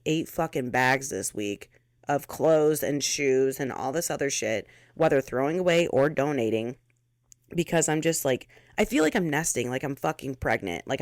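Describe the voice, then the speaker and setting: American woman, podcast host, low voice, profane, blunt, dry close sound. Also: dry recording. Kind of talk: casual solo podcast monologue. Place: her bedroom.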